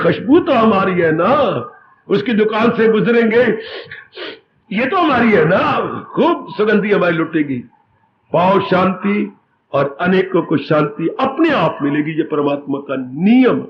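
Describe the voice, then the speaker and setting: A man giving a devotional sermon, telling stories in an animated way and stretching out emphatic phrases. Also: sits high, noisy background. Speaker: spiritual teacher. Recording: roomy, dull recording, faint ambience.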